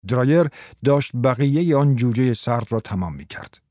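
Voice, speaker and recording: A man reading a story aloud in a steady, measured narration. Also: medium pitch, no room sound, clean studio sound. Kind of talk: scripted audiobook narration.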